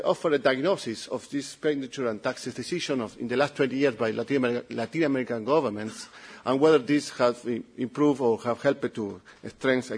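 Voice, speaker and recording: A man's voice: medium pitch, slightly rough. A man with an Italian accent presenting a report to an audience, often repeating words and restarting.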